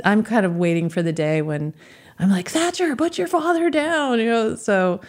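A woman's voice: low-pitched, a little mellow. A middle-aged woman in a casual conversation, chatting in a rambling way and laughing often. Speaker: guest.

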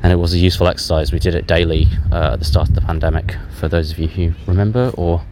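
A man with a very deep voice records a confessional audio diary on a dictaphone. He is subdued and self-deprecating, speaking in halting, candid phrases. The outdoor recording carries some background noise. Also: fairly even intonation. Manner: hesitant, halting, candid with frequent long pauses. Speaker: podcast host. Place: outdoors in a public park while out walking. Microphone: handheld voice recorder. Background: outdoor park ambience.

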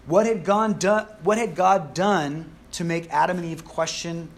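A man's voice: fairly high pitch, steady tone, unhurried. A man preaching a sermon, telling a scripture story in an earnest, emphatic way.

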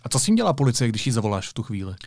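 A man's voice: mid-range voice, big pitch swings, darkish tone, dry recording, studio quality. Man asking short probing questions. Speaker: host, interviewer. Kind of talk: casual interview.

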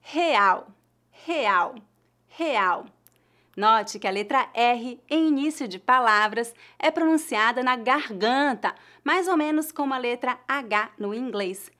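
A woman with a Brazilian Portuguese accent teaches pronunciation in a scripted lesson. Her voice sits a little high, and she speaks clearly and deliberately, slowing down to model each word. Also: bright, forceful tone. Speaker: language teacher.

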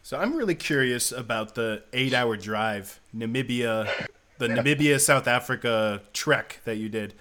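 A man's voice: medium pitch, measured pace, pushed and bright, a little hiss or hum. A man hosting an interview show, introducing a guest and asking friendly, curious questions. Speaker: podcast host.

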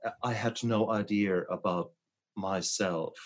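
Deep-voiced reflective middle-aged man. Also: fairly even intonation, measured pace. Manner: reflective and storytelling. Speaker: interview host. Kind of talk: reflective interview conversation.

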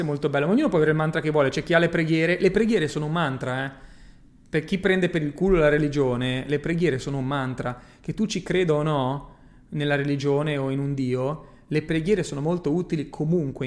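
A man talking casually to his livestream viewers as a personal growth coach, emphatic and blunt, swearing freely and often checking that they follow him. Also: on the high side. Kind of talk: casual livestream talk reading viewer comments.

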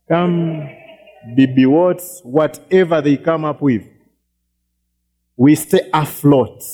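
A man's voice: medium pitch, mellow. A man preaching a sermon as pastor, repeating words, often checking "you get it?" and acting out quoted voices.

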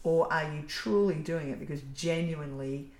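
A woman's voice: low-pitched, moderate pace, a little mellow. A teacher in casual conversation, explaining her views earnestly. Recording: roomy with faint background noise.

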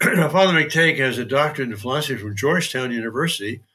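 An older man, a priest, hosting a podcast interview, with dry humor and frequent throat clearing. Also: medium pitch, lively intonation, fast talker, bright, forceful tone. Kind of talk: conversational interview.

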